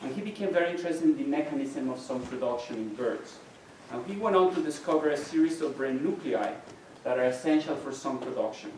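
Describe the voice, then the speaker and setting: Recorded from afar in a strongly reverberant lecture hall, with a little hiss or hum, a middle-aged man from Mexico delivers a university lecture. A native Spanish speaker, he explains things and often restarts. His medium-pitched, darkish voice moves briskly with lively intonation.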